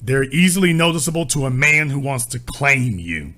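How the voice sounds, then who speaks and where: A man's voice: medium pitch, big pitch swings, moderate pace, sharp tone. A man hosting a call-in advice show, who lectures a caller in a blunt, scolding and crude way. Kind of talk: call-in relationship advice talk.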